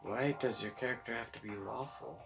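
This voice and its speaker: A man's voice: medium pitch, a little fast, gravelly, over music. Wry man chiming in casually. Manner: wry, joking asides. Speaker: co-commentator, host's brother. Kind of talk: casual chat.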